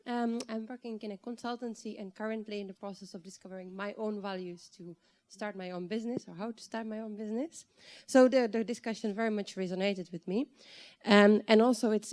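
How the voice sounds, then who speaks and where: Audience woman, mid pitch, careful searching question. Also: dark tone. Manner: thoughtful, searching phrasing. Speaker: audience member asking a question.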